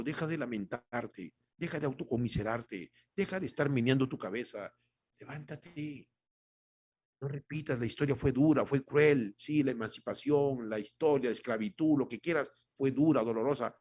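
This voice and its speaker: A male pastor with a slightly rough voice preaches a devotional sermon, addressing his listeners as brothers and repeating phrases for emphasis. He swings from loud exhortation to soft, low remarks.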